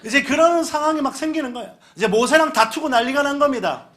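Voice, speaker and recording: A man preaching a sermon as pastor, animated, swinging between soft asides and loud exclamations and acting out the voices he quotes. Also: very high voice, quick pace. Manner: animated preaching, dramatic shifts in volume, acts out quoted voices.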